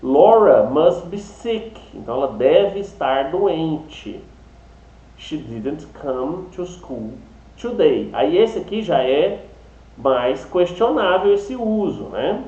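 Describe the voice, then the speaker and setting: A man with a Brazilian Portuguese accent teaches an online English class in a slightly dull, echoey room. His fairly high, warm voice is very animated yet slow-paced, and he chats as he explains things step by step, tacking "né?" and "tá?" onto almost every phrase.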